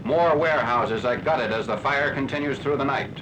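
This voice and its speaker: A man giving scripted narration for an old 1940s newsreel, in a crisp, formal announcer delivery. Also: medium pitch, moderate pace, noisy background. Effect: old 1940s newsreel recording. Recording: lo-fi archival newsreel audio.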